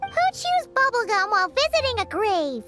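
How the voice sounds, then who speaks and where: A woman voicing a tiny, excitable, nosy fairy companion in a video game, with a squeaky childlike voice and perky delivery. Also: moderate pace. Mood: curious, concerned. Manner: perky, exclamatory. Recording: loud tinkling game music behind.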